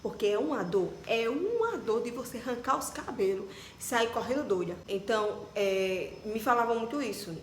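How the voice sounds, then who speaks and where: Her voice fairly high and her speed normal, a Brazilian vlogger casually shares a personal story, chatty and animated with plenty of "tipo" and "né." The room echoes, with faint ambience and a little hiss or hum.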